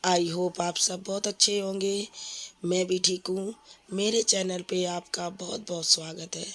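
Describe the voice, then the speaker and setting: A woman's voice: on the low side, fairly even intonation, measured pace. Woman, 30s, home cook vlogger; feverish, chatty, talks in a level, unvaried tone. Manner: chatty, explains each step of cooking. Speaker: vlogger, mother. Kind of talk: casual cooking vlog chat. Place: home kitchen.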